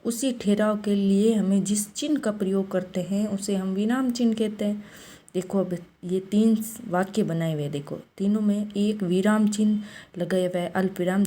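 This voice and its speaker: A woman giving a classroom-style grammar lesson, explaining step by step and slowing down to read out example sentences. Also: mid-range voice, dark tone. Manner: explains step by step, often saying "look". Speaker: teacher.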